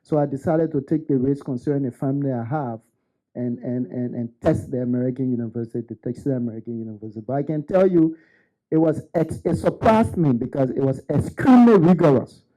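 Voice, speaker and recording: A man's voice: medium pitch, fast talker, warm tone, rough recording. A man giving an earnest, unscripted graduation testimonial with frequent stammering restarts. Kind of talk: unscripted ceremony speech.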